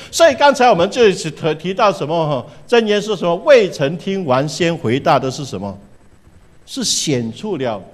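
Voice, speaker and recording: Lively high-pitched male preacher. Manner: keeps asking the congregation rhetorical questions; animated storytelling. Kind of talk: sermon. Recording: reverberant hall.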